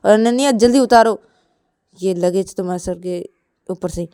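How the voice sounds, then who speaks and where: A woman's voice: mid-range voice, mellow, smooth, no room sound, clean studio sound, lightly acted. A woman doing a fussing mother. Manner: fussing, hurried. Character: middle-aged mother, fussing and caring.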